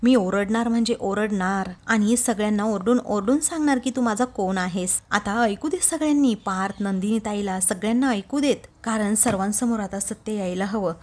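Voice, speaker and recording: This is a furious, defiant young woman who insists and refuses to back down, as a woman narrator puts her on. It is a storybook-style retelling of a TV serial scene. Her pitch sits in an ordinary middle range. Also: moderate pace, hardly any pauses, darkish tone, close to an everyday voice. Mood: angry, defiant. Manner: angry, insistent quoted lines.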